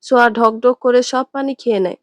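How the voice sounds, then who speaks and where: A woman storyteller reading a dramatic story aloud in a steady narrating voice. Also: on the high side, brisk, dry recording.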